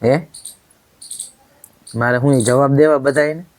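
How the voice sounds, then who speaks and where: A man's voice: mid-range voice, fairly even intonation, unhurried, a little mellow. Man, angry husband in a home drama, scolding and accusatory, keeps demanding "right?".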